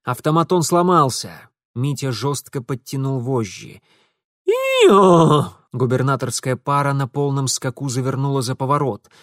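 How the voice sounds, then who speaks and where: A man reading an adventure story aloud as an audiobook narrator, with an expressive delivery. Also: mid-range voice, normal speed, few pauses, no echo, studio quality.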